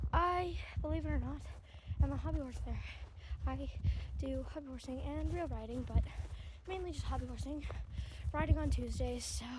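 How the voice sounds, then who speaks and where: A woman's voice: sits high, noisy background. A woman chatting casually to viewers in a vlog, out of breath and breathing heavily. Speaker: hobby horsing vlogger.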